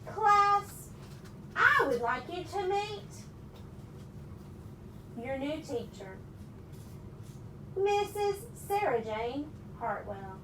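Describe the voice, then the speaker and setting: A woman storyteller plays a brisk female principal from a picture book, gushing and emphatic. Her voice is high and swoops widely, heard from a little way off in a roomy space. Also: big pitch swings, heavily acted. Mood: brisk, announcing. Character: gushing, brisk female school principal addressing staff and class. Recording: roomy, distant mic with background noise.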